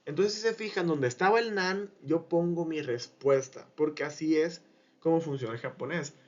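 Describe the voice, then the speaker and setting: A man teaching a language lesson in Spanish, patiently explaining grammar and repeating example sentences slowly. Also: a little high. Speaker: Japanese teacher. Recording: muffled lo-fi sound.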